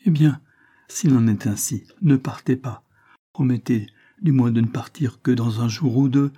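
A man's voice: mid-range voice, unhurried, dark tone, breathy edge. A man reading aloud, voicing a desperate young noblewoman who begs her lover not to leave. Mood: imploring. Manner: impassioned, imploring.

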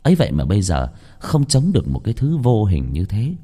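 A man narrating a horror story as an expressive storyteller. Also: lowish voice, a little fast, husky, big-room sound.

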